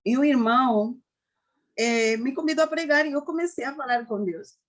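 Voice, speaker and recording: A woman giving an earnest personal faith testimony, often halting and restarting. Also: high-pitched. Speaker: testimony giver.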